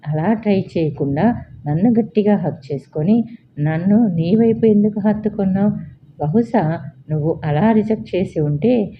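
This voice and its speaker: A woman's voice: medium pitch, moderate pace, a little hiss or hum, pitched above the performer's own voice, lightly acted. A woman voicing a stern young male boss who explains himself insistently, in an audiobook. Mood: angry. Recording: slightly dull lo-fi.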